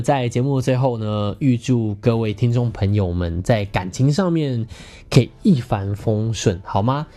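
A podcast host with a Taiwanese Mandarin accent talks colloquially and earnestly to his listeners, sharing personal stories and relationship advice. His voice is medium-pitched and warm.

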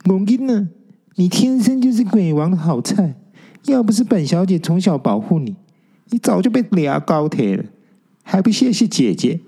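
A man's voice: high voice, sing-song, moderate pace, vocal fry, mellow, slightly rough, voice pushed up, heavily acted. A man voicing a bossy, smug young female ghost guardian, teasing and scolding.

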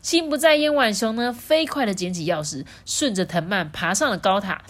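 A woman reading a picture book aloud for children, playful and quick to laugh. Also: mid-range voice. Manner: playful, laughing, lively voice changes. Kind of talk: animated children's story reading.

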